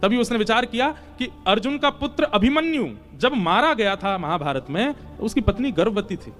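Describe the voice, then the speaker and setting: Man, high voice, devotional sermon, acts out story dialogue, soft music behind. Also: lively intonation, normal speed. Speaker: spiritual storyteller.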